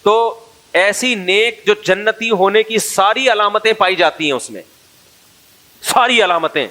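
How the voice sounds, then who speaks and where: A man's voice: high voice, bright, forceful tone. A man from Pakistan, giving a casual sermon full of jokes, stories and asides to the audience. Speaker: Islamic preacher.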